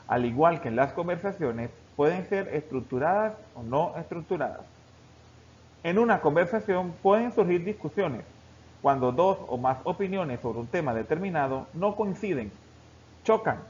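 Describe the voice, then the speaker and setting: Male teacher, higher-pitched voice, steady explanatory lesson delivery, muffled lo-fi recording. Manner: steady explanatory delivery, addressing students directly. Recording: dull lo-fi recording with faint background hiss.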